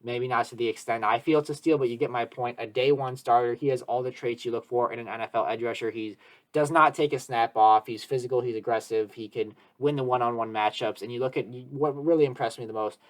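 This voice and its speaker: A man's voice: mid-range voice, steady tone, fast. A man hosts a casual sports talk show with an eager, emphatic delivery, his voice sitting in an ordinary middle register. He runs long, piling up points as he goes. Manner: eager, talkative, emphatic analysis. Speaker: podcast host.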